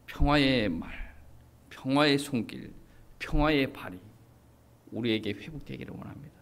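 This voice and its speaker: A male pastor with a Gyeongsang Korean accent delivering an expository sermon, animated and playing out quoted asides. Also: mid-range voice, moderate pace, vocal fry.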